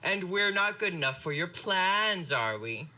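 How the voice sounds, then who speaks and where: A passive-aggressive, overbearing mother, put on by a game master, scolding and fussing over her grown son. Her voice has a bright, forceful edge. She sounds like a tabletop game character. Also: medium pitch, expressive, measured pace. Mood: huffy. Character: nagging, overbearing middle-aged mother.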